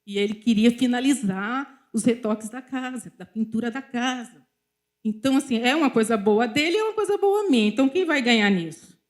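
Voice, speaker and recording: A woman with a Brazilian Portuguese accent preaches in a somewhat high voice. She is middle-aged and tells personal stories to a church congregation, turning to speak straight to them again and again. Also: brisk. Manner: storytelling, often addressing the congregation directly. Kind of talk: sermon with personal testimony.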